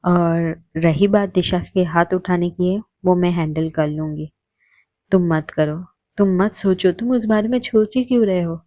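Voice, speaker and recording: A woman storyteller voicing a fierce, hot-tempered young woman who turns soft and tender with the one she loves. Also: lowish voice, steady tone, normal speed, dry recording, highs cut off, close to an everyday voice. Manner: angry outbursts, soft and tender with her partner.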